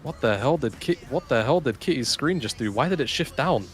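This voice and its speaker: A man co-casting a livestream chats casually with viewers in a medium-pitched voice, brisk and lively in intonation. He swears and laughs often, with soft music playing in the background.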